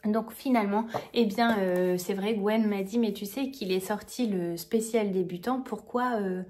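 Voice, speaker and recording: A woman's voice: medium pitch, a little slow, a little mellow. Chatty woman, full of fillers. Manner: hesitant, many fillers and self-corrections; enthusiastic, gushing. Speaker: vlogger. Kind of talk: casual chat to camera.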